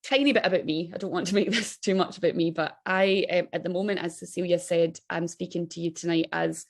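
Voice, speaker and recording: A woman speaks in a strong, broad Scottish accent. Her voice sits fairly low with a gravelly edge of fry. She presents informally over a video call, chatty and full of enthusiasm. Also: steady tone, a little fast. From Scotland. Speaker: guest speaker, interim director of an organisation.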